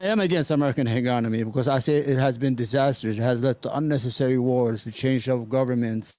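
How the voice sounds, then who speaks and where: رجل بصوت داكن وهادئ، مستوى الصوت متذبذب لأن الميكروفون ينقطع باستمرار، تسجيل جاف بلا صدى. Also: male voice, mid-range voice, mellow, dry recording. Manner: halting, repeats words when stuck. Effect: uneven volume from a mic that keeps cutting out. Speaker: debate guest. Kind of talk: opinion statement in an online debate stream. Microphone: home computer mic with noise gate.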